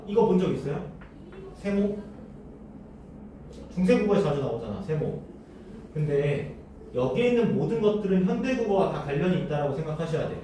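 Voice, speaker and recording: A man lectures a classroom, quizzing his students and answering his own questions in a lively, mellow voice that rises and falls. He sounds some distance from the mic, and the room around him echoes heavily. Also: fairly high pitch, slight background noise. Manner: asks students questions and answers them himself. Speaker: teacher.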